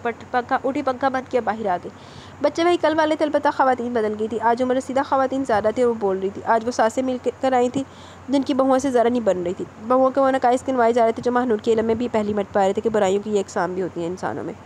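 A woman narrates a novel, her voice high and her pace quick. She slips easily into lively dialogue for each character. A faint hiss of background noise sits under the reading. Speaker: audiobook narrator.

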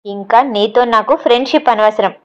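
A woman's voice: fairly high pitch, normal speed, dull audio, natural voice. Woman voicing a teasing hot-tempered young man. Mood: teasing firm. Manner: teasing, firm.

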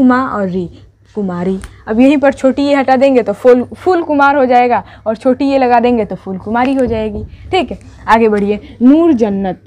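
A woman's voice: high-pitched, warm tone, muffled recording. A woman teaching a beginners' Urdu writing lesson step by step, patiently explaining each stroke and correcting herself as she goes.

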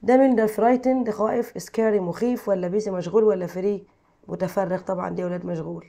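Woman, Egyptian Arabic accent, English teacher, gravelly tone, reading exercises, translating, asking pupils. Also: medium pitch, steady tone, fast talker, warm tone. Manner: reads English then translates, quizzing pupils. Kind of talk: textbook exercise lesson.

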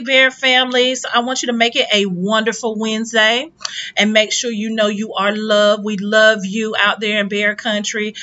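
A woman's voice: a little high, lo-fi sound. A woman, an assistant principal, reading upbeat, encouraging school morning announcements over the intercom. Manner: upbeat, encouraging, warm sign-offs.

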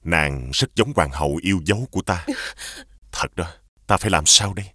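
A gentle grieving king. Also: low voice, normal speed, no room sound, clean studio sound. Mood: tender. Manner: warm, fatherly. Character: grieving middle-aged king, gentle father. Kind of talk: cartoon dubbing.

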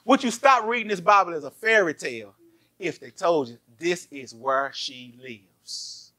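A male pastor, preaching a lively sermon and firing rhetorical questions at his congregation. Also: fairly high pitch, measured pace. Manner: animated, asks the congregation many rhetorical questions. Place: church.

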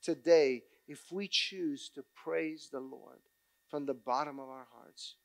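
A male pastor delivering a storytelling sermon in a slightly high voice. He swings from quiet, low reflection up to emphatic, loud peaks. His delivery stays animated throughout. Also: takes it slowly, vocal fry.

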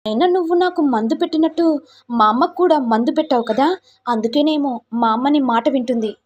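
A woman's voice: high-pitched, brisk, a little mellow, muffled recording, pitched above the performer's own voice, lightly acted. A woman doing a scornful, angry young husband. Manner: contemptuous, scolding.

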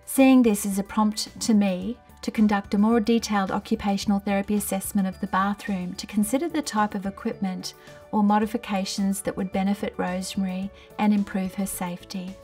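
Calm professional woman therapist. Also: medium pitch, brisk, hardly any pauses, recorded from a distance, soft background music. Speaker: occupational therapist. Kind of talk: scripted training narration and gentle client questioning. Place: small tiled bathroom in a home.

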